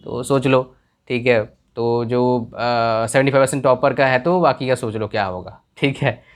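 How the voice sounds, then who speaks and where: A young man whose first language is a village tongue offers earnest career advice in a casual talk. His voice is medium in pitch and steady at a normal speed, and he keeps repeating questions to check that the viewer is following.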